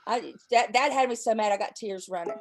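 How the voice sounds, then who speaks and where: A livestream host with a cold and a sore throat, her voice stuffy, alternates between casual chat and an angry rant, heated, profane, and rambling. She speaks fairly quickly in a voice on the high side.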